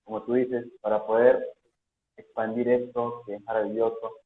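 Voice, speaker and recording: A male host talks casually and affirmingly at a middle pitch, often closing his thoughts with a questioning tag. His voice comes through a thin, phone-like line that sounds roomy and echoey, with faint background noise. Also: little pitch movement, moderate pace. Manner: affirming, ends phrases with "¿no?". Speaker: interview host. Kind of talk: casual spiritual conversation. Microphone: video call.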